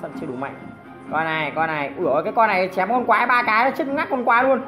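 A woman giving excited commentary over her own mobile game match, full of exclamations and teasing jabs at opponents. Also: mid-range voice, racing, music in the background. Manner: exclamatory, teasing opponents, frequent cries of surprise. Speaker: gameplay commentator.

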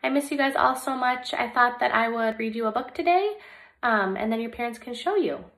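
With a slightly high voice, a young adult woman who teaches little children reads a picture book aloud, speaking expressively and deliberately for small listeners.

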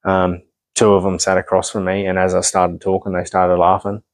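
Man, young adult, deep low voice, dry close sound, blunt and sweary. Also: completely flat delivery, moderate pace, dry recording. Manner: blunt, heavy swearing, rambling asides. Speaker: guest. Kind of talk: candid personal storytelling.

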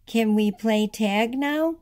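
A woman doing an eager young schoolgirl. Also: takes it slowly. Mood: cheerful. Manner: high, excited storybook voice.

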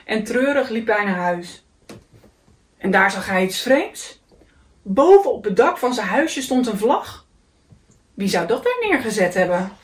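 A woman's voice: mid-range voice, big pitch swings, a little slow, long pauses, echoey room, far from the mic. A woman reading a children's picture book aloud, telling the story expressively and voicing the characters.

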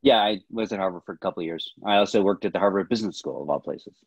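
A man's voice: deep voice, very fast, slightly rough, no echo. A man in his fifties, a film director and history professor, giving long reflective answers in a video-call interview. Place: small home room indoors. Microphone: laptop webcam on video call. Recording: dull lo-fi video-call audio.

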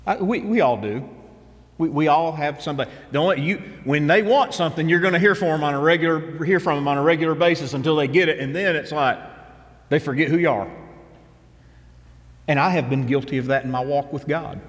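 A man's voice: a little high, a little fast, in a large hall. A man in his fifties, a pastor giving a conversational, earnest sermon from a church stage. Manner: earnest, conversational preaching with repeated phrases.

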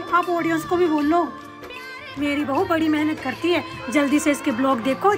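Very high-voiced woman playing family roles. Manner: scolding mother-in-law and pleading daughter-in-law voices. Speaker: skit performer. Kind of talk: homemade family skit acting all roles. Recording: clear background music.

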